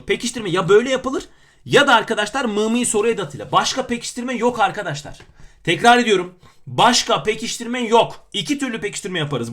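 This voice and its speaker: A high, fairly bright male voice guides listeners through exam questions to teach grammar. His emphatic explanations are broken up by playful jabs at himself.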